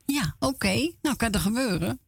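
A woman's voice: fairly high pitch, animated, normal speed, vocal fry, breathy edge, no echo, clean studio sound. A woman hosting a radio request show, chatting in an agreeable, informal way. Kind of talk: casual chat. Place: radio studio.

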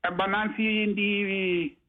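A man's voice: sits high, level tone, slow pace, phone-quality sound. A man, calling in by phone to a radio show and chatting in a jokey, sing-along way. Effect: phone-in caller heard over the radio. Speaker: radio call-in listener. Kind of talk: casual chat.

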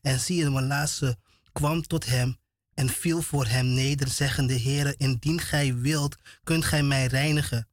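A male radio host reads scripture in a steady, level voice with little melody. He speaks hesitantly and restarts his phrases. The studio sound is close and dry. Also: medium pitch, measured pace, no room sound.

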